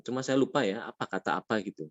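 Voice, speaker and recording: A man teaching a tajweed class, patient, asking his students questions and drawing out Arabic words slowly. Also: lowish voice, lively intonation, dry recording, dull audio. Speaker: Quran recitation teacher. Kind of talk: tajweed lesson.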